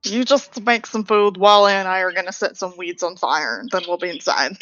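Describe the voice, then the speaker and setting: A woman's voice: lowish voice, brisk, fairly bright tone, no echo. A woman playing a tabletop role-playing game, talking in a blunt, teasing way. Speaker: player. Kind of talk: tabletop role-play banter. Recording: dull lo-fi audio.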